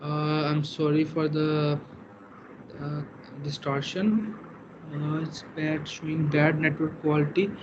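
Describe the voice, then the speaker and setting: A man talks haltingly, full of fillers, as he runs an online session. His voice comes through a video call smeared with fuzzy network distortion. The sound is muffled and lo-fi, with a soft hiss underneath. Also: on the high side, little pitch movement. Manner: hesitant, many fillers and restarts. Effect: fuzzy network distortion on the call audio. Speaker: presenter of an online info session. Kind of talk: informal webinar presentation. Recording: dull lo-fi online call, faint noise.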